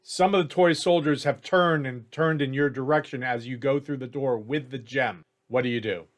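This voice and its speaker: A man's voice: medium pitch, normal speed. A man running a tabletop game as game master, narrating casually and matter-of-factly. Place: home setup, online stream.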